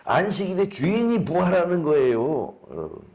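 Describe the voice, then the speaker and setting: Male pastor, fairly high voice with lively swings in pitch, emphatic sermon full of rhetorical questions. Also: normal speed.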